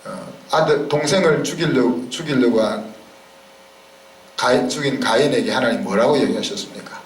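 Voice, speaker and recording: Korean pastor preaching in an echoey hall. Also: male voice, medium pitch, moderate pace. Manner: conversational preaching, frequent "그죠?" checks. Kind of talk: sermon. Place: church sanctuary. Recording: roomy church sound from a distance.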